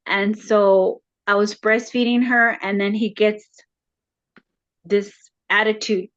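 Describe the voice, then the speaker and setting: A woman as a counseling client, retelling a home conflict haltingly with many fillers, her voice rising when upset. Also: mid-range voice, fairly even intonation, a bit bright, no echo, lo-fi sound. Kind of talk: emotional retelling in a counseling session.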